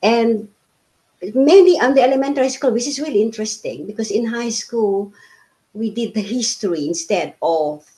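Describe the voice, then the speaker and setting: With a fairly high, warm voice at a moderate pace, a Filipina woman in her fifties whose first language is Tagalog recounts her life during a relaxed interview. She's chatty, often using fillers and restarting sentences, and the audio quality is poor.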